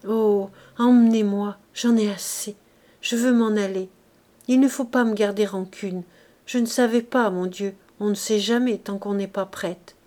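A woman's voice: mid-range voice, fairly even intonation, normal speed, few pauses, a little mellow, close to an everyday voice. A woman reading aloud, voicing a destitute, desperate woman who pleads in a raised voice. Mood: pleading.

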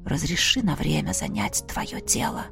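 A woman reading an audiobook, voicing a disembodied male guardian spirit whose hushed, breathy voice is heard inside the narrator's head. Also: low-pitched, normal speed, soft background music, voice pushed down, full character voice. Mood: calm. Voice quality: hushed, breathy, half-whispered.

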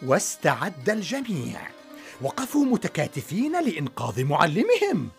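A woman narrating a children's story in an expressive, dramatic way. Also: sits low, normal speed, gravelly, soft background music.

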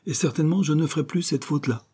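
A man reading an audiobook, voicing a rough, earnest young sailor who is self-conscious about his speech. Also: fairly high pitch, rapid-fire, warm tone, voice pushed up. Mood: humble.

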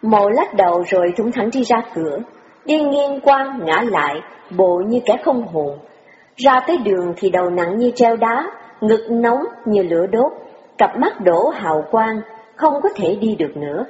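A woman narrating a story in a calm, measured way. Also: medium pitch. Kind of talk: audiobook narration. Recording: echoey hall with a long reverb, lo-fi.

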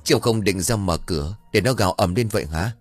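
A man's voice: low voice, fairly quick, faint music behind. A man voicing an exorcist's bossy old wife, scolding her husband.

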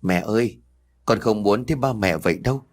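Man voicing a gentle pleading teenage daughter. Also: lowish voice, a little fast, close to an everyday voice. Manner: soft pleading. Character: gentle sixteen-year-old daughter.

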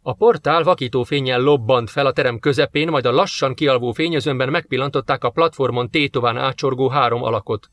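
A man's voice: mid-range voice, hardly any pauses, fairly bright tone, no room sound. Man narrating an audiobook, dry close voice. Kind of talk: scripted narration.

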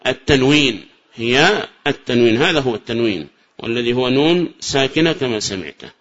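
A man teaching Arabic grammar from a classic text, asking students questions and answering them himself, slowing down to spell out examples. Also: mid-range voice, animated. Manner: reads the text raised and loud, then explains slowly with drawn-out examples. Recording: dull lo-fi lecture recording.

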